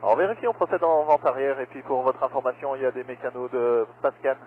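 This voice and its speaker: A man, an airline pilot speaking from the cockpit over his radio headset in a calm, procedural way. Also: medium pitch, fast talker. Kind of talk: aviation radio exchange. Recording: tinny radio transmission with faint static.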